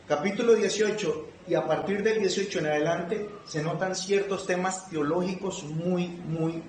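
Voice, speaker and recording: A man from Costa Rica leading a church Bible study, reading scripture aloud and quizzing his group with questions. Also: high-pitched. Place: church meeting room. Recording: echoey room, far from the mic, noisy.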